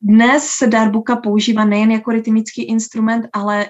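Dance teacher, woman, mid-pitched, measured and thoughtful, on a dull lo-fi recording. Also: flat delivery, darkish tone. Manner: unhurried, thoughtful, frequent filler sounds. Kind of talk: interview answers. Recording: dull lo-fi sound.

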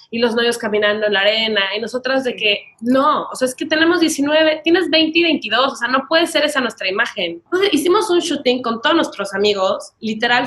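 Bright and a little high, the voice belongs to a Mexican-accented woman in her early thirties. She's a wedding planner on a podcast, sharing her story animatedly and casually while often acting out lines of dialogue.

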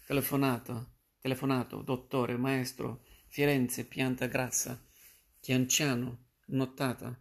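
A man's voice: mid-range voice, flat delivery, measured pace, natural voice. A man reading a muttering, evasive man.

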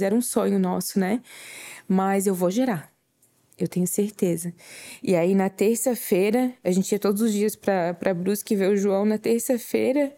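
A woman's voice: mid-range voice, warm tone. A woman, telling an emotional faith testimony as a podcast guest and acting out her own quoted words. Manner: earnest, tearful at times, acts out her own quoted words.

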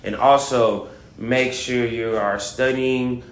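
A man's voice: medium pitch, slow pace, a little hiss or hum. Easygoing young man, echoey room. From Waco, Texas. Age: young adult. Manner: relaxed and easygoing, loose rambling phrasing. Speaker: podcast co-host, student community leader. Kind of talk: casual podcast chat.

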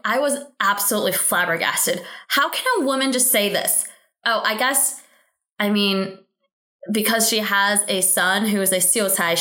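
A woman co-hosting a podcast, recapping a drama in a casual, animated way with incredulous asides. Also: mid-range voice. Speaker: podcast co-host. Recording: roomy echo.

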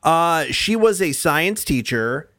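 A man's voice: fairly high pitch, lively intonation, takes it slowly, a bit bright, no echo, studio quality. A man chatting casually on a podcast, telling rambling stories full of hesitations and fillers.

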